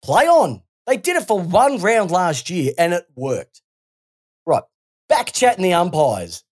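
A woman's voice: lowish voice, wildly swooping pitch, measured pace, darkish tone. A woman with an Australian accent co-hosting a casual sports podcast, ranting and swearing freely. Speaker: podcast co-host.

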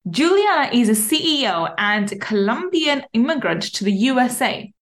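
A woman's voice: a little high, very animated, normal speed. A woman hosting a podcast interview, upbeat and effusive as she welcomes and questions her guest. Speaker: podcast host.

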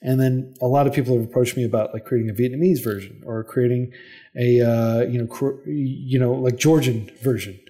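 A man's voice: mid-range voice, steady tone, brisk, warm tone. A man on a podcast as a guest, explaining things earnestly in a casual interview, speeding up in bursts and leaning on fillers. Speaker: podcast guest, non-profit founder.

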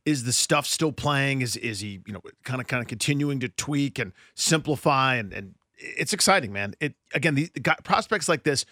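A man's voice: mid-range voice, expressive, moderate pace, hardly any pauses, sharp tone, dry recording, clean studio sound. A man co-hosting a sports podcast, giving long, rambling analysis with many fillers and restarts. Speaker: podcast co-host.

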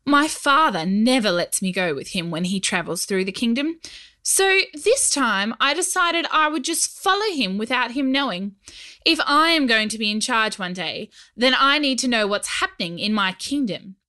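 A woman's voice: a little high, lively intonation, normal speed, sharp tone. A woman voicing a haughty, scornful young princess in a storybook reading. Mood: determined.

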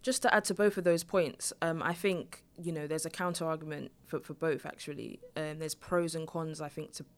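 A woman's voice: low voice, steady tone, normal speed, hardly any pauses. Hesitant young woman in her twenties. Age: 20s. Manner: hesitant, restarts often. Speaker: podcast guest. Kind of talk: panel discussion.

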